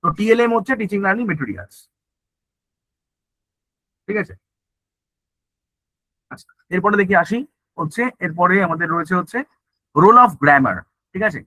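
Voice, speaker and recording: A male teacher's high, bright, forceful voice is animated, moving at a moderate pace with frequent pauses; the low-quality recording has no room sound. In his online exam-prep lecture he asks and answers his own questions, mixes English terms into Bengali, and often asks "ঠিক আছে?" ("okay?").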